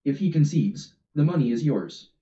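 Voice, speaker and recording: Man voicing a showy announcer, smooth, fairly high voice, distant muffled sound. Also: animated, moderate pace, mellow, a little hiss or hum, close to an everyday voice. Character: smooth male event announcer. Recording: roomy, distant, dull audio.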